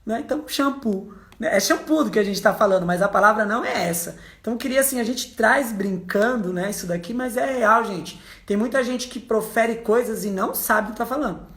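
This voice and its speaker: A Brazilian woman, a psychologist, explaining casually to viewers as a lively storyteller who acts out the people she quotes. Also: fairly high pitch, a little fast, echoey room.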